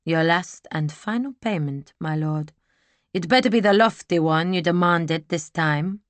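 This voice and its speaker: A woman voicing a gruff, blunt male smuggler in a slow, coarse drawl for an audiobook. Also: on the low side, no room sound, close to an everyday voice. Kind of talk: audiobook character voice.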